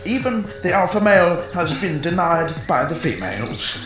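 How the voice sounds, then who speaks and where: A man giving a mock-serious nature documentary narration in formal, measured phrases. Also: fairly high pitch, very animated, reverberant. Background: music.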